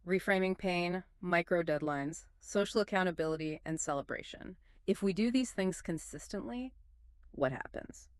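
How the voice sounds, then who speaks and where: A woman with a somewhat low voice co-hosts an explanatory podcast, asking curious questions and summing up each point. Her delivery is dry and close to the mic. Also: normal speed, clear, resonant tone, no echo. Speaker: podcast co-host.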